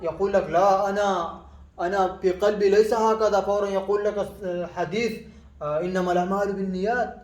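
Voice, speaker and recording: A man whose first language is Pashto, teaching a casual spoken lesson in a halting way, with many fillers and restarts. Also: high voice, steady tone, reverberant.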